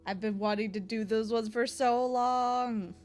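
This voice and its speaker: Chatty young woman streamer, unhurried. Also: on the high side, steady tone, a little mellow, faint music behind. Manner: chatty and slangy, lots of filler words. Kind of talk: casual chat with stream viewers.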